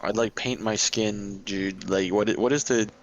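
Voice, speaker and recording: A young man co-hosting a podcast in casual chat, rambling and halting with lots of fillers and restarts. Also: fairly low pitch, fairly even intonation, low-quality recording. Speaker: podcast co-host.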